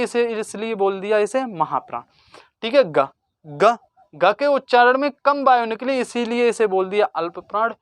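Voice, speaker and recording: Teacher doing call and response, asks then answers quieter, dry close sound. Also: medium pitch, clean tone, no room sound. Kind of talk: exam-prep grammar lesson.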